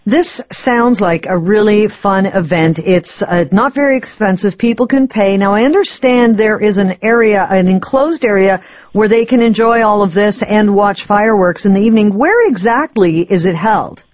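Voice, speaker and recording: Woman radio host, slow and friendly. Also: mid-range voice, no echo, lo-fi sound. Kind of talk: radio interview.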